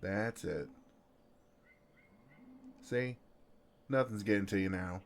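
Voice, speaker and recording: In a soothing, folksy Southern drawl, a man slowly voices a sweet, flirty farmhand for an intimate ASMR roleplay, sounding tender and reassuring. His voice is lowish, and there is a slight hiss or hum in the audio.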